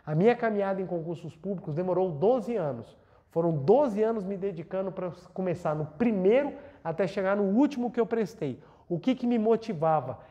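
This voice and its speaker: A man's voice: high-pitched, lively intonation, a little fast, mellow, lo-fi sound. A man with a Brazilian Portuguese accent giving an earnest spiritual lecture, repeating words for emphasis and leading a meditation. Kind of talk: spiritual talk and guided meditation.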